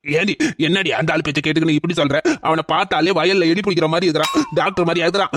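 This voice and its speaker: A man's voice: a little high, steady tone, rapid-fire, a bit bright, no echo, clean studio sound, natural voice. A man voicing a wailing injured drunk village husband. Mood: groaning, pleading. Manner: wailing, whining complaints. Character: drunk middle-aged village husband in pain.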